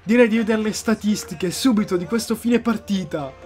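High-voiced excitable young man gaming. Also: normal speed, soft background music. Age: young, still in school. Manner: excitable, repeats phrases, bursts into shouting at goals. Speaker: gaming YouTuber. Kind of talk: live football video game commentary. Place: home at night.

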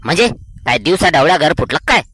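A man's voice: a little high, sing-song, quick pace, noisy background. A man voicing a scolding village husband. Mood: exasperated. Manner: exasperated, scolding.

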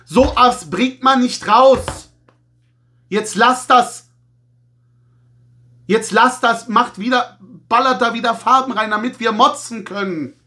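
A man's voice: very high-pitched, slow pace, long pauses, sharp tone, pitched above the performer's own voice, full character voice. A man playing a melodramatic, outraged toy reviewer who rants in a wailing, theatrical way as satire. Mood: indignant. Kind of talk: satirical rant.

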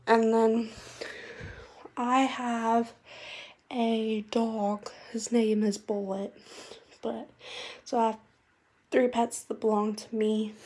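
A woman's voice: on the high side, darkish tone, husky. A young woman chatting casually in a pet vlog from her messy bedroom, a bit out of breath and unwell, rambling with lots of fillers. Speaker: vlogger.

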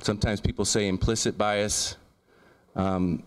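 A man's voice: fairly low pitch, flat delivery, measured pace, clear, resonant tone. Earnest man giving a keynote. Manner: earnest, repeats words and restarts, lists ideas. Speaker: keynote speaker. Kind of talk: motivational keynote talk. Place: large lecture room, in front of a projection screen. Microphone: handheld microphone.

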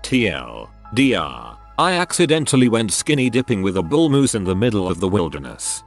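A man narrating forum stories in a steady scripted reading. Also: lowish voice, moderate pace, faint music behind.

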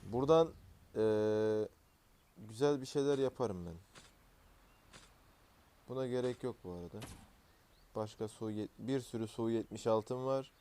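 A man's voice: on the low side, a little slow, long pauses, warm tone, a little hiss or hum. A man hosting casual gameplay commentary, talking in an exasperated, grumbling and slangy way while he plays. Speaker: gaming channel host.

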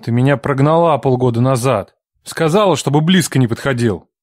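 Curt, resentful ex-lover man, read by a woman, low and dry on the mic. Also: brisk, darkish tone, dry recording. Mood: cold. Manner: curt and cold. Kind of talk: audiobook character voice.

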